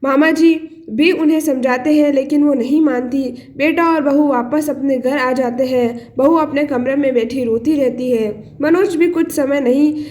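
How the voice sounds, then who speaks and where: High-voiced woman narrating a story. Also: measured pace, mellow.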